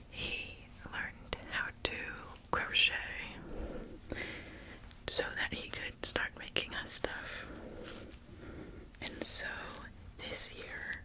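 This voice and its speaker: An ASMR creator chatting in a soft, breathy whisper, with gentle pauses between phrases. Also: rough recording.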